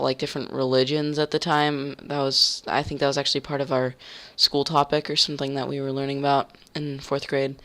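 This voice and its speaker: A man's voice: mid-range voice, pushed and bright. A young man telling a heated story in a casual rant, swearing and stumbling over restarts.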